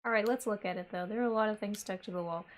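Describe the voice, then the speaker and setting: Expressive woman streamer reacting to a game. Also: mid-range voice, very fast. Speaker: gaming streamer. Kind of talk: let's play commentary.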